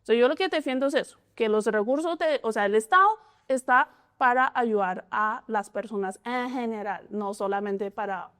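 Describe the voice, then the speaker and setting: Speaking at a normal pace in a slightly high, somewhat bright voice, this woman, a statistician from China in her forties, is being interviewed. She answers haltingly, restarting frequently and leaning on "o sea" as a filler.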